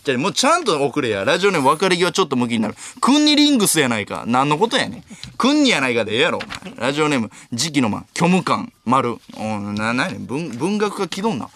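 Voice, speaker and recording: Kansai man in his 20s hosting solo late-night radio, lively swinging delivery, quick comic comebacks. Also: medium pitch. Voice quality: sharp comedic retorts, Kansai tsukkomi. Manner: rapid-fire reading and snapping back. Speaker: radio host reading listener mail. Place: radio studio. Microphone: studio microphone.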